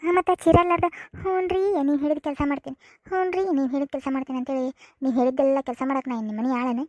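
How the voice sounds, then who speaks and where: A woman's voice: sits high, steady tone, rapid-fire, darkish tone, no echo, studio quality, close to an everyday voice. A woman voicing a spoiled, sulky young wife in a cartoon comedy, with a North Karnataka accent, whining and repeating her complaints. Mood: indignant. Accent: North Karnataka Kannada. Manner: whiny, complaining, repeats herself.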